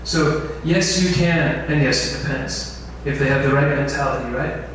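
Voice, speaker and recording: During an info session lecture, a man teaching a class keeps putting questions to the room. His voice is fairly high and a bit bright, and he moves at a moderate pace. The distant mic picks up strong echo from the large lecture room, plus faint noise.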